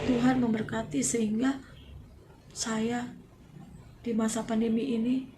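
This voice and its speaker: A married woman gives a personal faith testimony, speaking slowly in short, halting phrases. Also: a little high, gravelly, a little mellow, a little hiss or hum. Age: adult, married with family. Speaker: church member giving testimony.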